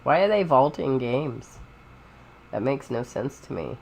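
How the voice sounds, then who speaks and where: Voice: medium pitch, expressive, a little slow, creaky, slight background noise. A gamer giving informal, rambling commentary while playing, chatting casually about games. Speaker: gamer, game streamer. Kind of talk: casual gameplay commentary and chat. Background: game music.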